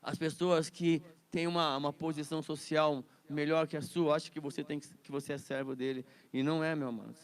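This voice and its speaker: A man's voice: fairly high pitch, fairly even intonation, a little fast, clean tone. A man teaching a Bible study lesson in a chatty way, laughing often and repeating words.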